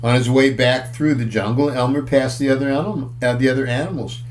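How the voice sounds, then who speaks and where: In this clip, a medium-pitched male voice tells a picture-book story to children over a faint hiss or hum. He keeps up friendly asides, pausing now and then to talk about the illustrations and quiz his audience.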